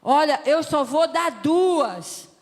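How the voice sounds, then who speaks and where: A woman voicing her small grandson, who sternly plays the parent in slow, quiet words. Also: sits high, expressive. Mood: mock-stern. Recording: long hall reverb.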